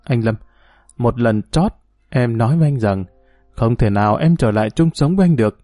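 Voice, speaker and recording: A man voicing a hurt, bitter young woman who was once married, speaking in a pleading tone in his own mellow, dry-sounding voice. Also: mid-range voice, expressive, normal speed, no room sound, soft background music, close to an everyday voice.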